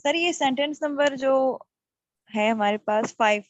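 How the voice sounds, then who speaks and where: A woman student on an online class pressing her teacher with follow-up questions about grammar. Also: sits high. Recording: muffled call audio.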